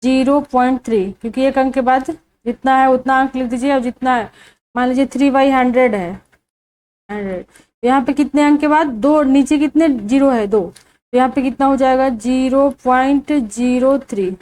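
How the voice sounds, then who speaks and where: Her voice high and a little mellow, a woman guides viewers through a maths lesson step by step. She asks them questions and answers them herself at a slow, deliberate pace, captured on a rough recording.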